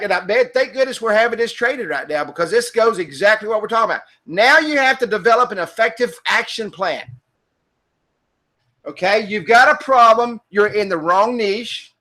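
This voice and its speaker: High, bright-voiced man teaching sales. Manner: energetic, repetitive, many "okay?" and rhetorical questions. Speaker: sales trainer. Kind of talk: webinar training talk. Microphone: computer mic in a webinar.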